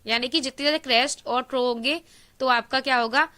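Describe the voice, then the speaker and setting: High, bright-voiced woman teaching a class. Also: steady tone. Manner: explains in Hindi mixed with English terms, reads English definitions slowly; asks and answers her own questions. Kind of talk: online class lecture.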